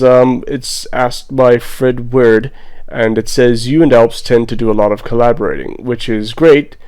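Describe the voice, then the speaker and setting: A man's voice: medium pitch, a little mellow. A man with a Bermudian accent giving casual, rambling vlog commentary as an artist, in a laid-back, self-deprecating way. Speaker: digital artist and vlogger.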